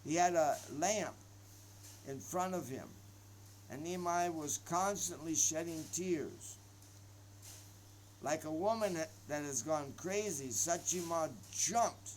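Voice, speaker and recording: A male storyteller with a slightly high voice speaks very slowly, pausing often and adding asides as he tells a devotional tale. A faint hum sits in the background. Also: low-quality recording. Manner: slow, hesitant, with many pauses and asides.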